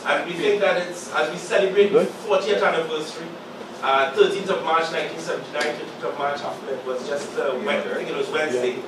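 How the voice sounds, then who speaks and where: A man in his forties, hoarse from a cold, opens a panel discussion as moderator before a live audience in a small meeting room. He is measured and halting, full of pauses and fillers, his voice a little high with fairly even intonation over a noisy background. Filmed from the back while using a podium mic, the audio is echoey and distant.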